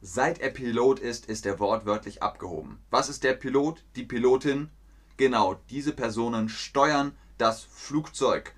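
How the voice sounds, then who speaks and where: A man teaching idioms in a language lesson, slow and clear, repeating phrases and acting out little scenes in playful put-on voices. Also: mid-range voice, fairly bright tone. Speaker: German teacher.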